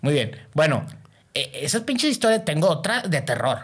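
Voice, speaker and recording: A man with a Mexican accent hosting a casual podcast chat, telling stories with loud exclamations, laughter and heavy slang. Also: a little high, very animated, normal speed, husky. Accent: Mexican Spanish. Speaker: podcast host.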